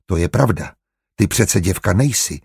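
A man voicing a smooth-talking, amused male spy disguised as a cleric in an audiobook, with a low, husky voice. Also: animated, a little mellow, no room sound, studio quality.

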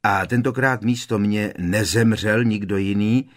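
A man's voice: on the low side, close to an everyday voice. A man voicing an earnest, bewildered teenage boy wizard in an audiobook, hesitant as he asks. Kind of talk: audiobook character voice.

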